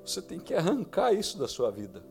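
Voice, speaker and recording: A man's voice: fairly high pitch, huge pitch swings, a little fast, vocal fry, darkish tone, faint music behind. A Brazilian man in his forties preaching a sermon with a Brazilian Portuguese accent, telling stories and rising to fervent emphasis.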